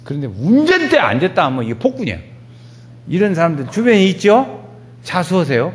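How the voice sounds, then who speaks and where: A male pastor preaching a sermon in a folksy, animated storytelling manner, with sudden loud rises. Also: mid-range voice, a little hiss or hum.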